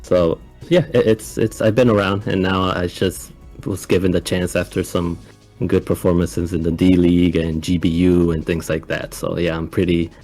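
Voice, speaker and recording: A young man from Ecuador, now living in the United States, talking calmly and casually as a guest in an interview. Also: sits low, normal speed, soft background music. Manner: calm, laid-back, soft-spoken with frequent laughs. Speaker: guest coach.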